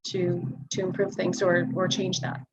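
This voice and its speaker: A woman fitness instructor talking casually and thoughtfully, pausing with ums as she explains her clients. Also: lowish voice, completely flat delivery, slightly rough, low-quality recording. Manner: thoughtful, restarts often with ums. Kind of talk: casual conversation.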